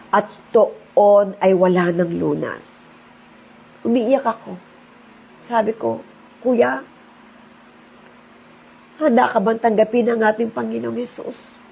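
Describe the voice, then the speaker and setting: A woman's voice: medium pitch, gravelly, a little mellow, slightly rough. A middle-aged woman, giving a personal testimony in an earnest, preachy and emotional way. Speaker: insurance agent sharing testimony.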